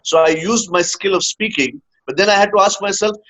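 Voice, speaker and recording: This Indian leadership coach has a high, fairly bright voice and talks fairly quickly while telling his story in a laid-back interview. The account rambles, peppered with "uh" and a habitual "huh?", over dull, lo-fi sound.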